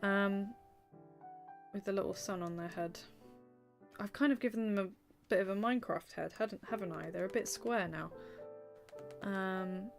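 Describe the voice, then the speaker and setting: Gravelly-voiced woman chatting on stream. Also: medium pitch, moderate pace, pauses often, soft background music. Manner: rambling, reading out chat, many ums and soft laughs. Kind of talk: casual livestream chat while drawing.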